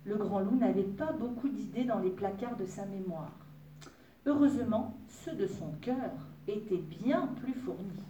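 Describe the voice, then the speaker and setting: A woman narrating a children's story with an expressive reading. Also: medium pitch, unhurried, slight background noise. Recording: roomy, distant, faint ambience.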